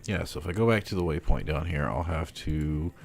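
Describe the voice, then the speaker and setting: A man's voice: a bass voice, a little fast, creaky. A tired man streaming a game late at night, rambling through his plans with casual swearing and lots of fillers. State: sleepy, yawning. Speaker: gaming streamer. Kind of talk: casual gameplay commentary.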